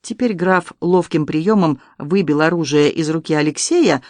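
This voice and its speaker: Measured audiobook narrator, dry close sound. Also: medium pitch, no room sound. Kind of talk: scripted narration.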